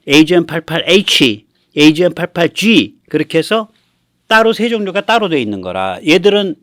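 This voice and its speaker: A man's voice: on the high side, no room sound, studio quality. A man hosting a casual commentary show, talking in a folksy way and acting out quotes. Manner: lively, folksy, chuckles and acts out quotes. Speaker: host. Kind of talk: casual commentary on military affairs.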